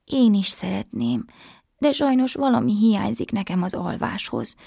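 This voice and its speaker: Woman putting on a little kindergarten girl, hesitant, wondering, high and breathy, dry sound. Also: big pitch swings, warm tone, no echo, heavily acted. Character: shy little kindergarten girl who misses her mother. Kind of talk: bedtime story reading.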